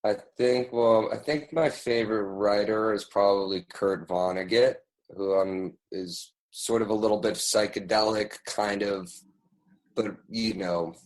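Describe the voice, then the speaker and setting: A man in his thirties from New York, answering interview questions in an unhurried way with lots of "you know" and pauses. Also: fairly low pitch, poor audio. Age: 30s. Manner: relaxed, unhurried, full of fillers like "you know". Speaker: guest, music producer. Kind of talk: casual interview.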